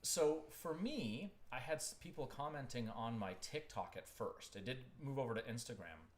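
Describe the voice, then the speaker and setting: A man's voice: medium pitch, expressive, normal speed. A man in his thirties, a voice actor and audiobook narrator, telling a rambling story in casual chat. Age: 30s.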